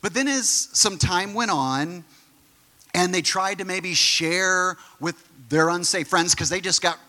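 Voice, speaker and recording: A man preaching a sermon in a lively, conversational way, with quick asides. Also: sits high, in a large hall.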